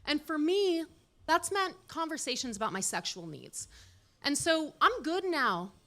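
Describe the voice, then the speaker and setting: This comedian, a woman in her late thirties, works a live crowd at a comedy club with dry jokes at her own expense. She speaks in a high, fairly bright voice with big swings in pitch, taking her time.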